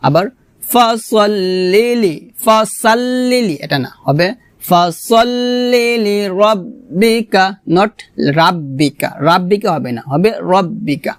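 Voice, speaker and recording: A man teaching Quran pronunciation, who recites slowly and drawn out and then explains mistakes quickly and patiently. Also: sits high, dry recording. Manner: patient, repetitive, corrective teaching. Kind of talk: tajweed pronunciation lesson.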